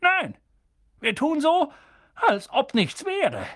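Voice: sits high, huge pitch swings, takes it slowly, a bit bright, no room sound, clean studio sound, pitched above the performer's own voice, full character voice. A reader voicing a furious, blustering middle-aged uncle who barks his orders, raised well above their own narrating voice. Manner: barking, blustering.

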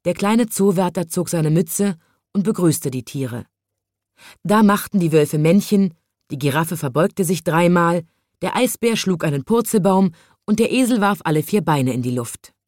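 A woman narrating a children's story in a slow, clear storytelling manner. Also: fairly low pitch, expressive, a little mellow, no room sound, clean studio sound.

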